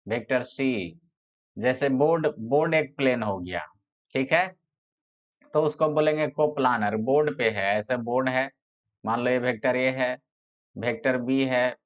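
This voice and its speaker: A man teaching a physics class, his voice sitting at an ordinary middle pitch. He walks through each idea step by step and slows right down to repeat phrases as he dictates notes. The sound is dull and lo-fi. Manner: explains step by step, repeats words slowly when dictating.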